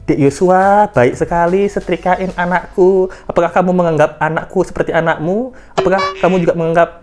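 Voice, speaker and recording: A woman voicing a soft-spoken, sweet-talking middle-aged woman boss. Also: lowish voice, steady tone, a little fast, faint music behind, close to an everyday voice. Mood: sweet cooing.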